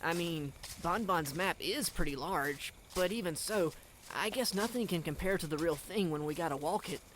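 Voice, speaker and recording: A woman's voice: fairly low pitch, moderate pace, a little hiss or hum, close to an everyday voice. A woman voicing a jittery young animal who scares easily and stutters. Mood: nervous. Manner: nervous, stuttering.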